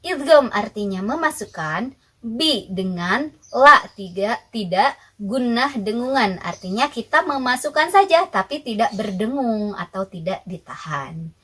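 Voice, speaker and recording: A woman's voice: fairly high pitch, animated, a little slow, fairly bright tone, breathy edge, rough recording. A young woman, patiently teaching Quran recitation rules step by step and asking her own questions before answering them. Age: young adult. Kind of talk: recorded tajwid lesson.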